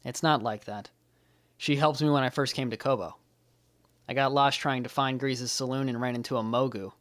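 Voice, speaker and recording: A man's voice: medium pitch, fairly even intonation, normal speed, a bit bright, lightly acted. A man playing a guilt-ridden young male Jedi who speaks earnestly and blames himself. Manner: earnest, self-blaming, subdued.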